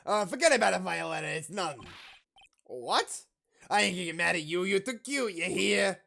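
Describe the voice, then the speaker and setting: A streamer voicing a loud, gruff male loan-shark mobster who talks in tough street grammar while reading game dialogue. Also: medium pitch, lively intonation, normal speed, a little hiss or hum, exaggerated voice. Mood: gruff doting.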